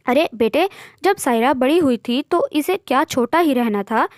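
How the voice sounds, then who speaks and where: A woman's voice: high voice, lively intonation, moderate pace, no room sound, clean studio sound. A woman narrator voicing Amma, a busy, offhand middle-aged mother. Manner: offhand, matter-of-fact.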